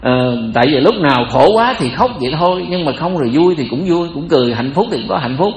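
A man's voice: on the high side, lively intonation, fast talker. A man with a Southern Vietnamese accent giving a Buddhist sermon, chatty and joking, tossing rhetorical questions at his listeners. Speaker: Buddhist teacher. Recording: echoey hall.

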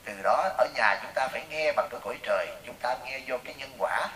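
Southern Vietnamese monk preaching, bright voice. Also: male voice, mid-range voice, quick pace. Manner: lively storytelling, asks the audience questions. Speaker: Buddhist teacher. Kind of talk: sermon. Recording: echoey room, voice from far off, faint hiss.

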